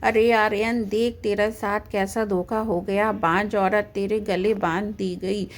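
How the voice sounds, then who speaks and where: A woman's voice: medium pitch, flat delivery, unhurried, close to an everyday voice. A woman voicing a strict, traditional middle-aged mother-in-law in a spoken story. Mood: shocked, shouting. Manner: scolding, loud.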